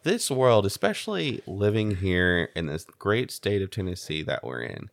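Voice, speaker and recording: A young American man co-hosting a casual podcast in a halting, jokey way, often restarting his sentences. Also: sits low, big pitch swings, creaky. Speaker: podcast co-host. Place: home studio in a house.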